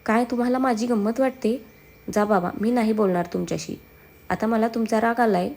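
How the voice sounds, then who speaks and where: A woman's voice: a little high, steady tone, brisk, creaky, a little mellow. A woman voicing a pleading, pouty young wife with a childlike manner.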